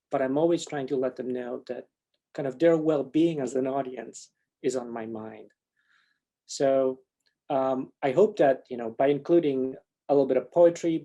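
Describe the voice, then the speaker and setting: A man's voice: mid-range voice, creaky, dark tone. A man from Poland giving a talk and answering audience questions, reflective and wry, with frequent restarts.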